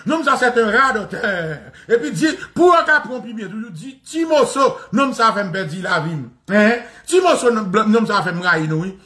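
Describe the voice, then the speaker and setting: A Haitian man with a Haitian Creole accent, giving an animated, mocking political monologue and repeating phrases. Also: high-pitched.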